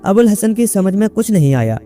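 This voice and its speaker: High-voiced man narrating a folk tale. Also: soft background music. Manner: steady, measured storytelling. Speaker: storyteller.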